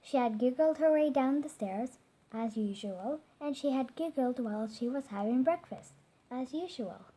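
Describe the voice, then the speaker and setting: A woman reading a children's picture book aloud, gently, now and then stumbling over hard words. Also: sits high, expressive, normal speed, slightly rough. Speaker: storyteller.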